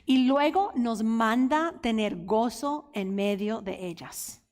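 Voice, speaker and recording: A woman's voice: a little high, takes it slowly, a little mellow. Earnest woman teaching in a big hall. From United States. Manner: earnest, emotional, speaks directly to listeners. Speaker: women's workshop speaker. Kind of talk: Bible teaching at a women's conference. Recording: reverberant hall.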